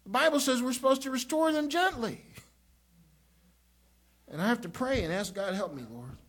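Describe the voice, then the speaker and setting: A male pastor preaching a sermon, swinging between hushed, prayerful passages and loud, shouted emphasis. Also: very high voice, lively intonation, moderate pace.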